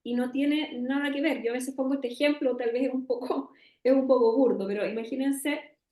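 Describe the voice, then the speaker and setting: A woman's voice: sits high, steady tone, moderate pace, darkish tone, reverberant. A Chilean woman with a Chilean Spanish accent, earnestly explaining as an interview guest, often checking with tag questions.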